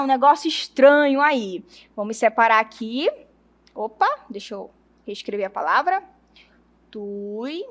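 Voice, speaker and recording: A woman's voice: sits high, a bit bright. A woman teacher with a Brazilian Portuguese accent explains a lesson step by step, checking in with her students and drawing out syllables as she spells them. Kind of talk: classroom lesson.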